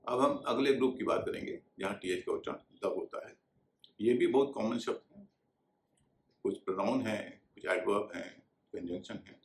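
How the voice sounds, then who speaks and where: A man teaching English pronunciation in a video class, slowly spelling out words letter by letter and repeating example words. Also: lowish voice, roomy sound.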